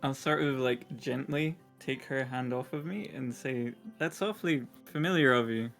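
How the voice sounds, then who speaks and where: A man's voice: mid-range voice, normal speed, creaky, a bit bright, soft background music. A man playing in a tabletop game, speaking with wry, dry understatement. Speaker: player. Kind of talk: casual tabletop play.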